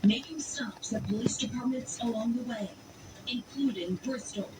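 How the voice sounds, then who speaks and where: A woman reading a TV news report in a steady scripted way, heard from a television playing in another room, as if through the wall. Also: fairly high pitch, normal speed. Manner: steady scripted newsreader delivery. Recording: distant muffled TV with loud room noise.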